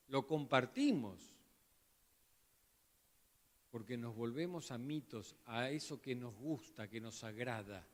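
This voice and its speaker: A man's voice: medium pitch, long reverb tail. A man pastor with a Rioplatense Spanish accent, preaching a sermon emphatically and repeating words for emphasis.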